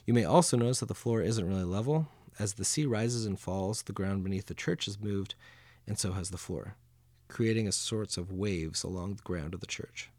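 A man with a fairly low voice guiding listeners through a scripted audio tour. He keeps it chatty and playful, slipping in jokes between explanations. The recording is close and dry, with no room sound. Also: normal speed, darkish tone, no echo.

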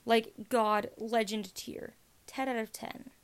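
A woman's voice: fairly high pitch, fairly even intonation, slow pace, clean tone. A teenage girl hosting a casual rambling podcast, chatty and self-mocking, jumping between topics. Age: teens. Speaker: podcast host.

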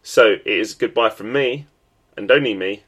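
Man, nasal stuffy voice, lowish pitch, casual podcast host chat, lots of ums. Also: moderate pace, fairly bright tone, husky. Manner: chatty, with many ums and restarts. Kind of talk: solo football podcast chat.

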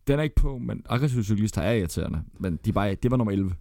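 A man with a Danish accent co-hosting a chatty podcast, with a gravelly, creaky edge to his middle-pitched voice. He talks bluntly and swears freely as he works through a ranked list, and the sound is dry and close. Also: lively intonation, dark tone, no room sound. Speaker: podcast co-host. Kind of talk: casual chat.

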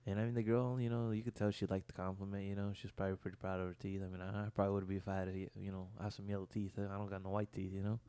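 A man's voice: low voice, flat delivery, very fast, few pauses, mellow, clean tone, no room sound. A man chatting casually as a podcast co-host, rambling in slangy, profane talk peppered with "you know". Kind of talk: casual chat.

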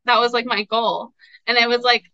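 A young woman with a bright, forceful, fairly high voice talks through a casual podcast chat, emotional and rambling, full of filler words. The sound is dry and slightly dull, like a lo-fi home recording. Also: flat delivery, normal speed, no echo. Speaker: podcast co-host.

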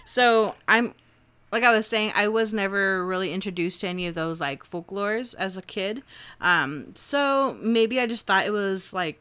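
Bright-voiced chatty woman podcaster. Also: mid-range voice, moderate pace, clean tone. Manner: chatty, laughs often, reads notes aloud. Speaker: podcast co-host. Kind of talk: casual chat.

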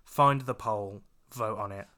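A woman's voice: very deep voice, unhurried, a bit bright. A woman co-hosting a podcast in casual chat, rambling as she retells conversations in her stories. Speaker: podcast co-host.

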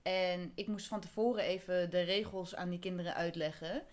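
A woman's voice: fairly low pitch, steady tone, moderate pace. Young woman co-host telling stories. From Holland, Netherlands. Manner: storytelling, laughs easily, self-correcting. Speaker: podcast co-host. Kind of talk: casual chat.

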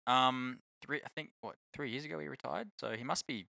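A man's voice: medium pitch, fairly quick, gravelly, sharp tone, no echo. A man with an Australian accent co-hosting a casual sports chat in matey, slangy talk.

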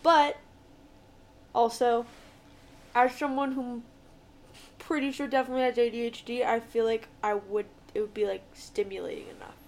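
A woman's voice: a little high, steady tone, normal speed, pauses often. A young woman chatting as a podcast guest, arguing her opinions in a talkative way. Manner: chatty, argumentative. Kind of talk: casual chat.

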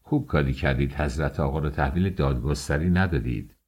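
A man voicing a nosy, fawning coachman who talks in a hushed, conspiratorial way. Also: low-pitched. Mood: secretive.

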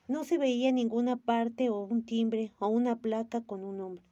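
A woman narrating a storybook aloud, with lively shifts into character voices. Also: fairly high pitch, moderate pace, no echo, lo-fi sound. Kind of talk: storybook reading.

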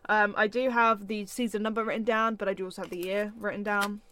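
A woman's voice: mid-range voice, flat delivery, fast talker, fairly bright tone, a little hiss or hum. A woman co-hosting a casual chat podcast, chatty and trailing off with ums, sometimes sounding sarcastic without meaning to. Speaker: podcast co-host.

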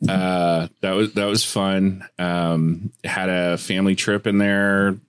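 A man's voice: low voice, level tone, takes it slowly, clean tone, no echo, studio quality. A man, a podcast co-host and pastor, telling a road-trip story in casual chat with many ums. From West Texas.

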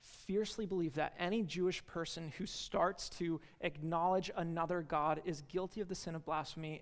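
Guy preaching, chatty and loose, kinda high voice, long echo like a big hall. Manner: casual, conversational, with frequent fillers and asides. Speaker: pastor. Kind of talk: sermon with scripture reading.

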